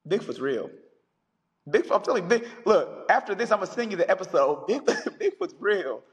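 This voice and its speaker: A man who is a science teacher, chatting on a podcast as a guest and telling stories with animated energy. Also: high voice, normal speed, big-room sound. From United States. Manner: animated storyteller, acts out callers in quotes. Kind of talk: casual podcast chat.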